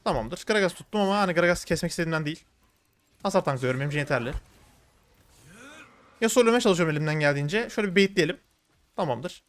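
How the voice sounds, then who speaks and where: Male gaming streamer, high voice, very fast play-by-play commentary. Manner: rapid, excitable, slangy, talking to viewers. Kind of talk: live gameplay commentary.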